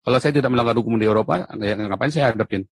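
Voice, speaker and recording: Man, interviewee, husky voice, quick speech, very dry sound, animated. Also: lowish voice, dry recording. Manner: animated, rising to emphatic shouts. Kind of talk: conversational interview. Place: abroad in Europe.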